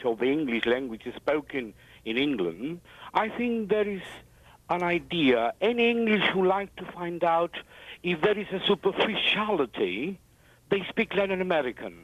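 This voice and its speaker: A man with a Peruvian Spanish accent, a teacher calling in, speaking formally, politely and haltingly. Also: high voice, big pitch swings, slight background noise. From Peru. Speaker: caller, teacher. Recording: dull phone line.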